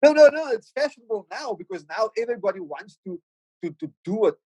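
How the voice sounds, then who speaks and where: A middle-aged Cape Flats rapper and producer guests on a casual podcast, his Cape Town South African accent carried by a slightly high voice. He's fast and very animated yet a little mellow with a breathy edge, thinking aloud reflectively and restarting phrases repeatedly into a dry close mic with poor audio.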